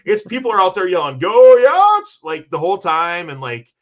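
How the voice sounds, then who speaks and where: A man's voice: fairly high pitch, lively intonation, fairly quick, sharp tone, dull audio. A man hosting a casual sports podcast, talking in an enthusiastic, rambling way with many restarts as he recaps match scores. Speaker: host.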